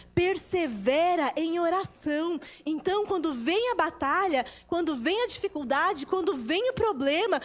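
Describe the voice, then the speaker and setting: A woman in her thirties preaching a church sermon, impassioned, swinging between soft and loud. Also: very high-pitched. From Paraná, Brazil. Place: church service.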